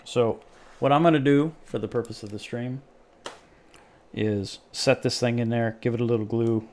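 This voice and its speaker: A man's voice: medium pitch, steady tone, moderate pace, darkish tone, a little hiss or hum. A man hosting a live stream, chatting casually and joking with viewers while he tinkers with a homemade project. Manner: rambling, jokey, talks to chat while tinkering.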